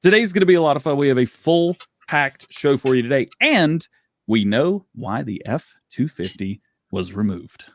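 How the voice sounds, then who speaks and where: Animated, laughing male podcast host. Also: mid-range voice, normal speed, no room sound. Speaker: show host. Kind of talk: casual podcast chat.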